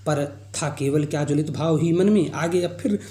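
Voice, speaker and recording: A male teacher goes through a poem line by line, reciting each verse and then paraphrasing it plainly. His voice is mellow and sits a little high. The room around him echoes. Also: normal speed. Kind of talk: explaining a Hindi poem line by line.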